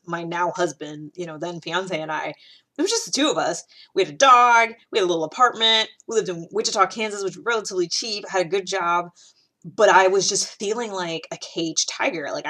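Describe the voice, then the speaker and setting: On her podcast, a thirties-aged woman from Ohio delivers a loose, personal monologue in a voice on the low side with a fairly bright tone. She's chatty, restarts often, and says "like" a lot.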